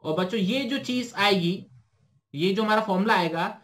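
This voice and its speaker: A young man with an Indian accent teaching exam prep in a brisk, chatty way. His voice sits notably high. He poses questions and then answers them himself, and he slows right down to read the English question text. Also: a bit bright. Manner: brisk explaining, slow careful reading of English questions. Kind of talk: exam-prep lesson talk.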